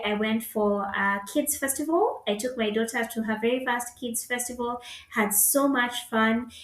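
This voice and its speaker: This is a Kenyan-accented woman in her thirties, hosting her own podcast alone and chatting casually with playful, joking asides. Her voice is mid-range, and the room has an echo.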